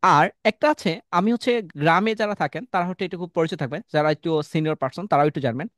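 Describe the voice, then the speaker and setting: A man's voice: fairly high pitch, fast talker, fairly bright tone, no echo, clean studio sound. Man teaching tongue twisters over a call. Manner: coaching students through tongue twisters, calling on them. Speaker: online English teacher. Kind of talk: live online class. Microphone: computer mic on a video call.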